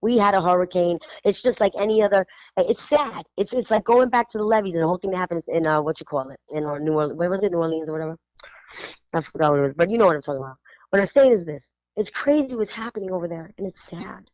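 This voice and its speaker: Animated New woman radio host. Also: lowish voice, fast, no echo, lo-fi sound. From New York (Spanish Harlem). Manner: animated, emphatic, lots of "you know". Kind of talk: casual radio chat.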